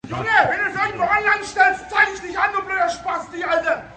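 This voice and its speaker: A man with an extremely high voice yells and swears aggressively at people in front of his property. A crowd of voices murmurs behind him. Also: fairly even intonation, brisk. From Germany. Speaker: homeowner confronting visitors. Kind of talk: heated shouting argument. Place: outdoors at his own property.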